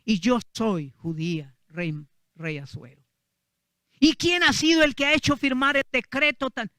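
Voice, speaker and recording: Un hombre que hace de una joven reina asustada y suplicante, hablando con emoción dentro de una predicación. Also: male voice, very high voice, unhurried, bright, forceful tone, clean tone, no room sound, studio quality, pitched above the performer's own voice, full character voice. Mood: pleading. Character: frightened young queen, pleading.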